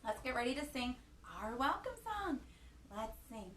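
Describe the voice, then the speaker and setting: Hosting storytime for young children, a woman reads a picture book aloud with expressive gasps and asks her small listeners questions. Her voice is a little high and her pace normal. The room echoes, with faint background noise.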